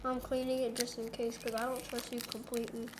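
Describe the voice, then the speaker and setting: A woman's voice: a little high, flat delivery, fairly quick. A woman helping a friend build a kit, giving bossy instructions and teasing her casually. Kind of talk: casual chat. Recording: noisy home recording.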